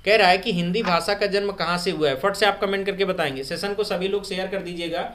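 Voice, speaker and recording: A man teaching a live online grammar quiz, repeating each question and urging viewers to comment their answers fast. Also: high-pitched, steady tone, a bit bright. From India. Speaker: online exam-prep teacher. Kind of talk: live-stream Hindi grammar quiz lesson.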